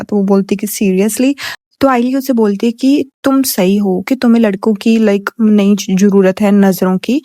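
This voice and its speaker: A woman's voice: medium pitch, warm tone, dry recording, studio quality. Chatty young woman retelling a drama. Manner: chatty, filler-heavy, voices characters' quotes plainly. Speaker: story recap narrator. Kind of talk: casual Hindi retelling of a drama.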